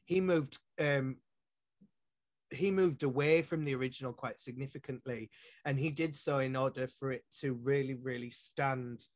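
At a moderate pace and medium pitch, a poet and publisher from Yorkshire talks through an interview in his Yorkshire accent, thoughtful and rambling, with repeated restarts. No echo is audible.

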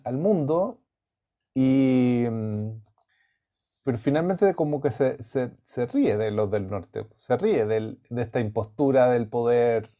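A man's voice: medium pitch, mellow. A man co-hosting a podcast, talking about a documentary in a reflective way and searching for words as he goes. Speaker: podcast co-host. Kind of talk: casual film discussion.

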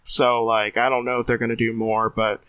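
A young man co-hosting a podcast, chatting in an animated way and swearing casually. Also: mid-range voice, moderate pace, no room sound. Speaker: podcast co-host. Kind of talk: casual chat.

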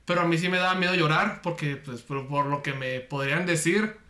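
A man's voice: on the high side, fairly quick, bright, forceful tone. A man with a Mexican accent chatting casually and candidly, poking fun at himself. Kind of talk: casual podcast chat. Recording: roomy echo.

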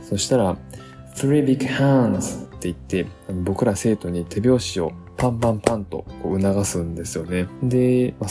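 A man with a low, dark voice talks through a solo podcast episode. His delivery is easygoing and reflective, with frequent pauses and fillers. Soft guitar music plays faintly underneath. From Japan. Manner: relaxed, reflective, many fillers. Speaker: podcast host.

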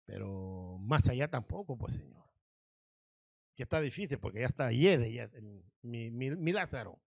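A man's voice: mid-range voice, expressive, measured pace, gravelly, no echo, clean studio sound. A male pastor preaching a sermon, reading scripture verses and asking the congregation rhetorical questions.

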